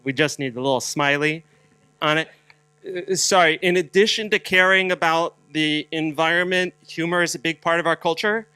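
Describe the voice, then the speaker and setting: A man's voice: on the high side, moderate pace, pushed and bright, smooth, no room sound, low-quality recording. A man from New Jersey leading a spiritual moment at a conference, telling a story with lots of fillers and a bit of humor before building to rhetorical questions. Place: conference hall.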